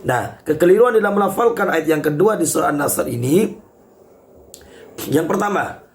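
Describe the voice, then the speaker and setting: A man's voice: fairly high pitch, lively intonation, normal speed. A man teaching Quran recitation rules in an online lesson, patiently explaining each point step by step. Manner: addresses listeners as congregation.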